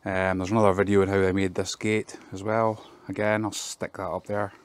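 A fencing contractor walks through a job in a garden for a casual work vlog, speaking plainly and practically with lots of ums. His voice is low and flat, delivered briskly with a clean tone.

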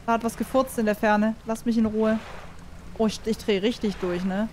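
A woman hosting a casual gaming video, talking to herself as she plays, excitable and chatty, with the odd curse and giggly sing-song bursts. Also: a little high, normal speed, slight background noise. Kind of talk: casual let's-play commentary.

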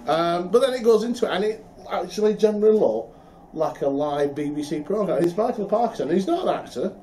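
A middle-aged man from the UK, chatting casually as a co-host and telling a story with animated laughs. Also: high voice, a little fast, slight background noise. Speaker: podcast co-host. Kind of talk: casual chat.

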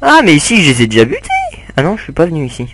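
This young man's voice is fairly high and a bit bright, swinging wildly in pitch as he talks very fast. He's a gamer commentating his own play, rambling casually with lots of fillers and chatting to viewers as he goes.

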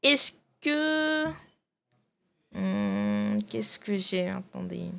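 A woman's voice: medium pitch, lively intonation, very slow, gravelly, fairly bright tone. A woman streamer chatting casually with her viewers as she checks files and switches games, thinking aloud as she goes. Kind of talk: casual live-stream chat.

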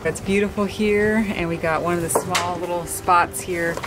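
A middle-aged woman talks to the camera in an upbeat, chatty vlog style. Loud music plays under her voice. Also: on the low side, fairly even intonation, normal speed, low-quality recording. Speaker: vlog host. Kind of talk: casual vlog chat.

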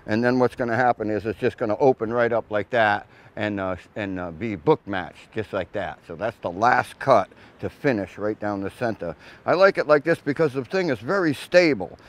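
This is hands-on instruction from an older man, a shipwright, who explains chainsaw work one step at a time in a grassy yard by a mill. He talks at normal speed with few pauses, his pitch fairly low. The style is practical and plainspoken, peppered with folksy asides, and a lapel mic picks him up.

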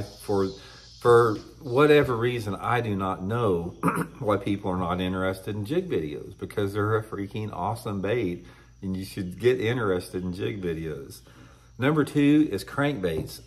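Blunt, low-voiced man talking to camera. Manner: blunt, opinionated, clears throat often. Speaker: fishing channel host. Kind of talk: casual talk to camera. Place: indoor room with shelves of tackle.

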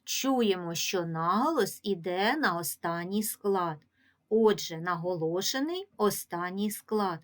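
A woman teaching a phonics lesson to small children, sounding out syllables and stretching vowels slowly. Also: medium pitch, animated. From Ukraine. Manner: stretches syllables and sounds out, calls words aloud. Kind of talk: slow, deliberate phonics lesson for young children.

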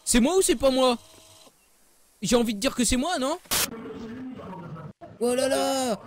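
Loud, excitable young male streamer. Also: very high voice, unhurried, noisy background. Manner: loud, joking, swearing often, talks to chat. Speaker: gaming streamer. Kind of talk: excited live gameplay commentary.

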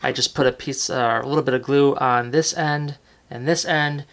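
A man casually talking through a hands-on model-building tutorial at his workbench, relaxed and chatty with lots of fillers. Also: mid-range voice, moderate pace. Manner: relaxed and chatty, many fillers, self-correcting. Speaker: model railroad hobbyist host. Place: workbench indoors, off camera.

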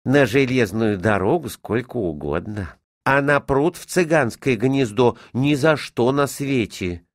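A man's voice: medium pitch, expressive, a little slow, dry recording, studio quality, voice pushed up, lightly acted. A man voicing a stubborn, wary housemaid who talks bluntly.

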